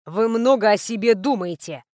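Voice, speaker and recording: A woman reading the lines of a cold, stern male bodyguard in a clipped, flat manner. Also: medium pitch, moderate pace, no room sound, studio quality, lightly acted.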